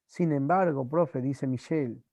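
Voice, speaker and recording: A male teacher from Peru runs an online language class, slowly repeating examples along with his students' answers. His voice is medium in pitch, heard over a noisy background.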